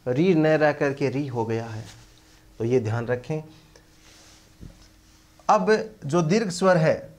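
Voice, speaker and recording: A male Hindi grammar teacher giving an online lecture, speaking deliberately and filling his pauses with long drawn-out "a" sounds. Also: on the high side. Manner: slow, deliberate, with many drawn-out "a" fillers.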